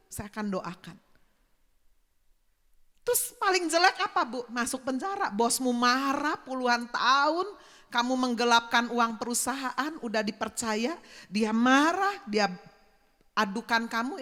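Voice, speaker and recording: A woman's voice: high voice, expressive, moderate pace, pushed and bright. A woman pastor preaching a sermon, telling a story bluntly and acting out the dialogue. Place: church sanctuary. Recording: long reverb of a church hall.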